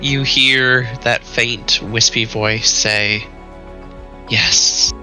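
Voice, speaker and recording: Male game master, slow and hesitant, bright tone, faint music behind. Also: medium pitch. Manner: hesitant, halting, restarts. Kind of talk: narrating a tabletop game over voice chat.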